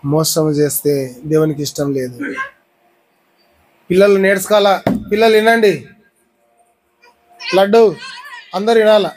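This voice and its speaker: Man, high voice, Rayalaseema Telugu accent, pastor, sermon, repeated questions to listeners. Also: unhurried, long pauses, a little mellow, low-quality recording. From India. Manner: repeated questions to the congregation, teaching with everyday examples.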